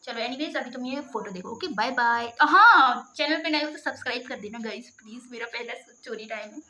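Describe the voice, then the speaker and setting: A young woman with a slight lisp, excitedly telling a story to her vlog camera in a chatty, animated way. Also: a little high, fast talker. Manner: excited, chatty, quotes her mom in lively voices. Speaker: vlogger.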